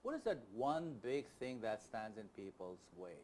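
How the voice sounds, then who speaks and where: A man hosts a conversational interview, probing with questions and acting out hypothetical thoughts by rephrasing them as imagined first-person quotes. His medium-pitched, darkish voice swings widely in pitch at a normal speed, with slight background noise.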